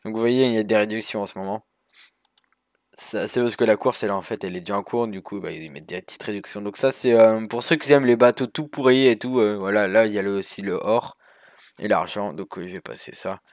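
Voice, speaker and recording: A man's voice: fairly low pitch, brisk, no room sound. A man casually narrating a walkthrough of a sailing game over his screen, rambling with many fillers and restarts. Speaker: gaming youtuber.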